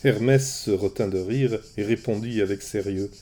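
A man narrating a storybook in an expressive, animated way. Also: lowish voice, moderate pace. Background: faint music.

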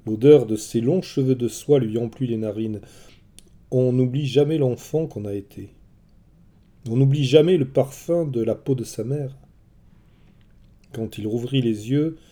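A man reading a serialized myth aloud with a very dark, mellow voice. His delivery is expressive and dramatic, in scripted storybook style. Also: medium pitch. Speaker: narrator.

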